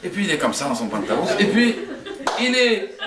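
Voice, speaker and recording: A man telling a story to an audience in an animated way, laughing often. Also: high-pitched, normal speed, crowd noise. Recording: roomy, from a distance.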